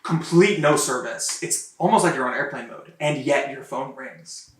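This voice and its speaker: A man narrating a tabletop game as game master, lively, laughing often and building suspense. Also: mid-range voice, normal speed. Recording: roomy, distant mic, faint music.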